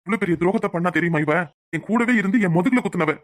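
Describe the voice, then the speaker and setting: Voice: mid-range voice, very fast, natural voice. A voice actor playing a hot-headed young man caught between two women in a cartoon drama. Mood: accusing. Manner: curt, accusing. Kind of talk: cartoon voice acting.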